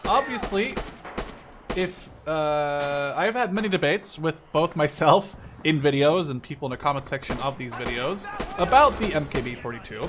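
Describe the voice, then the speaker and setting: This man from the Netherlands, in his twenties, makes gameplay videos and offers casual, wandering commentary on a shooter, correcting himself often as he focuses. He speaks at normal speed with an expressive, fairly high voice, while loud game artillery and gunshots make the background noisy.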